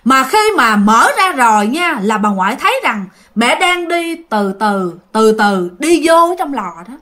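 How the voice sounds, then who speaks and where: A woman's voice: on the high side, a little slow. A woman telling a ghost story casually, speaking directly to her listeners. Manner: animated, addresses listeners directly.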